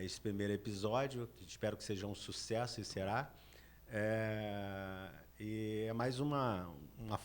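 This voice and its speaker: A man in his fifties, a journalist guest, talking through memories of his career with hesitant restarts. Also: lowish voice. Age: 50s. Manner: hesitant, repeats words as he recalls. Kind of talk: casual podcast chat.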